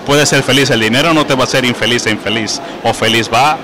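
A man, a guest calmly explaining his ideas in an interview. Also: medium pitch, fast talker, a crowd in the background. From Puerto Rico.

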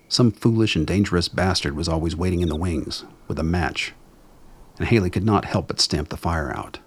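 A man with a gravelly, low-sitting voice reads scripted dramatic narration, telling the story in a measured, brooding way.

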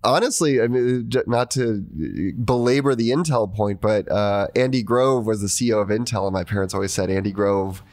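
A man who grew up in Argentina, talking as a podcast guest in a thoughtful, relaxed way with many fillers and restarts. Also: lowish voice, a little fast, few pauses. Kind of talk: casual conversation.

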